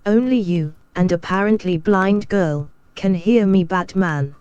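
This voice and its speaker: A robotic female text-to-speech voice played through a speaker, delivering flat mocking one-liners. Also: on the low side, a little slow, clear, resonant tone, pitched below the performer's own voice. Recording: dull lo-fi speaker playback.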